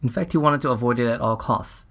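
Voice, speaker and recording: Speaking in a mid-range male voice close to an everyday one, an actor plays an earnest, shaken Mars mission scientist. He recounts the events haltingly and reflectively, as if in a documentary interview, with an earnest, urgent mood.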